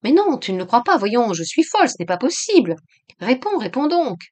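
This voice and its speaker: A woman reading aloud voices an anxious young society woman who pleads in a high, urgent voice. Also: sing-song, a little fast. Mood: frantic. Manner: high-pitched, pleading, rising to near-shouts.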